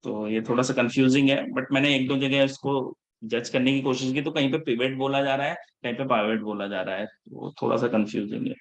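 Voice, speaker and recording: A man teaching a live class in a relaxed mix of Hindi and English, checking in with his students after almost every point. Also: medium pitch, a little fast, hardly any pauses. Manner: casual Hinglish teaching, checks in often with the class; scolds students about attendance. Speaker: instructor.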